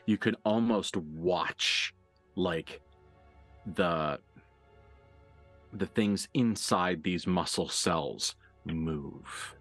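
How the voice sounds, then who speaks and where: The low, slightly bright voice of a man guides a tabletop horror game as its game master. He tells the story dramatically, deliberately, with emphatic pauses, in a dry recording.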